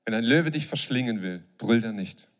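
This sermon comes from a man with a mid-range voice speaking at normal speed to a live congregation, livening things up with jokes and questions for the audience.

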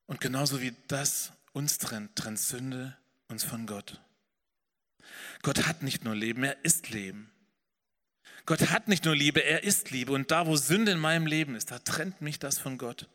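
A man preaching a sermon as pastor, earnest and swelling then dropping soft. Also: medium pitch, unhurried, big-room sound. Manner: earnest preaching, rising and falling in intensity.

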